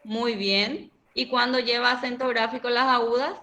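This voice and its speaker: A woman's voice: fairly high pitch, fairly even intonation, moderate pace, sharp tone, a little hiss or hum. A woman teacher giving a grammar lesson, patiently questioning her students. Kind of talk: online Spanish grammar lesson.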